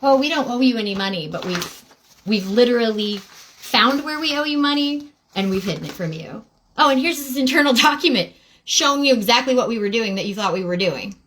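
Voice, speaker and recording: Brief: a smug corporate customer-service voice put on by a woman, sing-song and patronizing, slightly raised and fast. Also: lively intonation, background noise, lightly acted. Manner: sarcastic, sing-song, faster and higher. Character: smug, condescending utility company rep, mocked.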